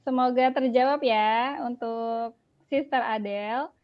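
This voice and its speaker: A woman's voice: fairly high pitch, fairly even intonation, takes it slowly, highs cut off. A woman moderator politely handing over to the next speaker in an online session.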